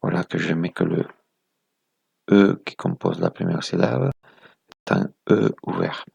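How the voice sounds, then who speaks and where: Low-pitched male teacher, unhurried and methodical, heavy vocal fry, self-correcting. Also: wildly swooping pitch, darkish tone, no echo. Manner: methodical, counting items aloud, corrects himself. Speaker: presenter of a phonetics video lesson. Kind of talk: explaining a lesson step by step.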